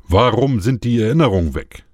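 A man's voice: fairly low pitch, lively intonation, a little fast, dry recording, clean studio sound, voice pushed up. A man reading the lines of an angry seventeen-year-old girl in a science-fiction audiobook. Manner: shouting, demanding.

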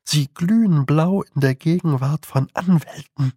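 A man's voice: fairly high pitch, measured pace, warm tone, slightly rough, dry recording. A man voicing a dry, knowing talking toad who gives wry, muttered advice.

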